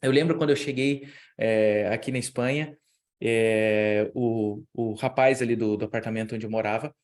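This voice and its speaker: Young Brazilian man, youth preacher, animated storyteller who voices the people in his story. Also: moderate pace. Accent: Brazilian Portuguese. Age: young adult. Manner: lively storytelling, acts out dialogue with big pitch jumps. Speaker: youth week speaker. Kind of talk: sermon with personal story.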